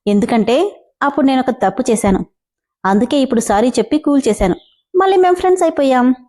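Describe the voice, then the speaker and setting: A woman's voice: sits high, animated, fast talker, mellow. A woman reading a storybook voicing a cocky, sarcastic young man who teases his old classmate.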